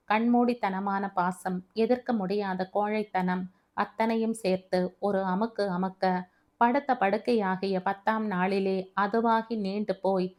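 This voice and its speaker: A woman narrating an audiobook family story in an emotive, measured storytelling manner. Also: medium pitch.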